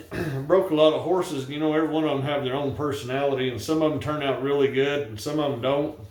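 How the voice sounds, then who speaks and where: A man's voice: fairly high pitch, steady tone, fast, darkish tone. A middle-aged man with a rural Western American accent and a folksy cowboy twang, reciting cowboy poetry and telling ranch stories in plain, colloquial speech. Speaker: cowboy poet and horse breaker. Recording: echoey, roomy sound.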